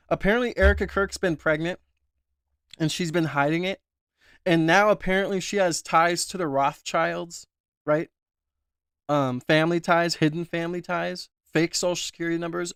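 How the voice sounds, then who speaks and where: A livestream host whose voice is on the high side and clean in tone talks casually with his viewers while dealing with a sore throat. Recorded with clean studio sound and no echo, he reads comments aloud and asks for likes.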